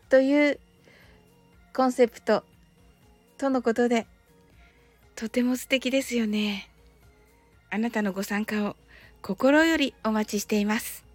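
A woman hosts a laid-back radio talk in a polite, gentle manner. Her voice sits a little high and sounds close and dry. Faint music plays under her, and she draws out English phrases slowly and carefully. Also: dry recording. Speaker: radio show host. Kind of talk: relaxed scripted radio talk with English lessons.

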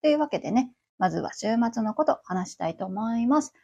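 A woman's voice: on the high side, animated, a little fast, creaky, darkish tone, husky, muffled recording. A woman around forty with a Kansai accent, chatting on her own as host of a livestream radio show, rambling along with many fillers. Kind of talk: casual solo chat.

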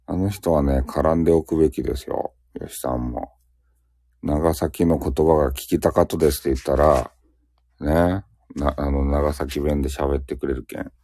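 A man's voice: rumbling low, mellow, dry recording, studio quality. A man with a Fukuoka accent chatting casually and ramblingly on a solo live audio stream, joking at his own expense. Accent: Fukuoka dialect. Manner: rambling, joking, self-mocking.

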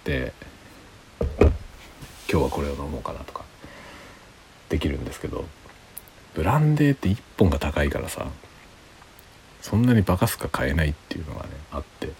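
Very deep-voiced tipsy man chatting late. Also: big pitch swings, a little fast, pauses often, a little mellow, a little hiss or hum, low-quality recording. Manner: rambling, tipsy. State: drinking alcohol, tipsy. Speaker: livestream host. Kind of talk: low-voiced late-night casual chat.

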